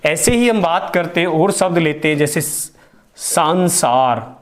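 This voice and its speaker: A man teaching a spelling lesson, who asks questions to the class and answers them himself, drawing out each example word. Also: fairly high pitch. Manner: slow and deliberate, drawing out example words. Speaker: Hindi teacher.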